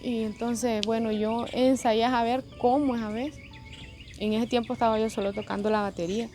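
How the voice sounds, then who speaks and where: A woman's voice: on the high side, fairly even intonation, normal speed, dark tone, a little hiss or hum. A woman telling a personal faith testimony in a conversational, reflective way, often adding tag questions. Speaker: testimony vlogger.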